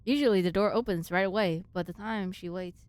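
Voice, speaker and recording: A woman's voice: medium pitch, a little fast, darkish tone, smooth, no echo. A woman streaming a game, reading its text aloud and reacting casually.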